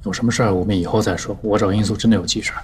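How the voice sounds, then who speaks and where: An actor playing a persistent young ex-boyfriend who pleads in a TV drama. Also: male voice, on the low side, fairly even intonation, rapid-fire, a little mellow, a little hiss or hum, natural voice. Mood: pleading. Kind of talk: TV drama acting.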